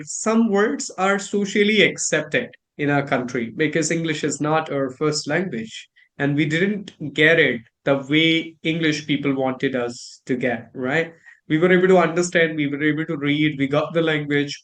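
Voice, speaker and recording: Animated Indian man, high voice. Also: moderate pace. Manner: animated storytelling, acts out reactions. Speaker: host. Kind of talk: casual chat about pronunciation.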